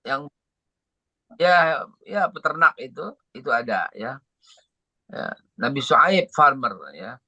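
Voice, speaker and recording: A middle-aged preacher, his voice bright and forward. He tells his stories in a relaxed way, repeats words for rhythm and laughs now and then. The sound is close and dry, with almost no room. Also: medium pitch, slow, pauses often, no room sound, rough recording. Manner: lively storytelling with repetitions and chuckles. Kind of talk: casual sermon.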